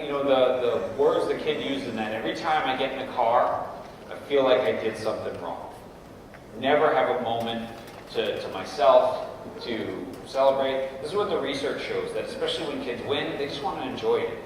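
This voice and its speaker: A man's voice: mid-range voice, animated, normal speed. A middle-aged man giving a conversational talk to parents in a school auditorium, telling stories and checking in with "right?". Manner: storytelling, often checks in with "right?". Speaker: guest speaker at a parents' session. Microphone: distant room mic. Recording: echoey hall from far off, noisy.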